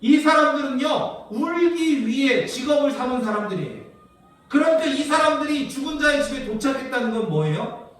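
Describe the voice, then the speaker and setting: A man with a high voice preaches a Sunday sermon in a small country church sanctuary. He keeps asking his listeners questions and answering them, moving from quiet, hushed lines to loud, forceful ones. His voice rings through a very echoey hall and is picked up from a distance. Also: animated, normal speed. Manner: asks the congregation questions and answers them himself; swings between hushed low lines and loud emphatic ones. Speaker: pastor.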